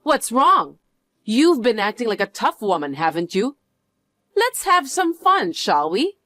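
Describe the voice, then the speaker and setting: A woman's voice: medium pitch, big pitch swings, normal speed, fairly bright tone, no echo. A woman voicing a snobbish rich woman who mocks the poor in a condescending tone. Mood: mocking. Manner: condescending, mocking. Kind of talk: voiced story drama.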